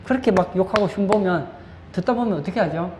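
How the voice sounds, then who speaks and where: A man's voice: high-pitched, fast. A male pastor delivers a sermon in a church sanctuary, asking the congregation rhetorical questions and answering them himself. He leans on repeated phrases for emphasis. The room echoes noticeably, with a faint hum of background noise.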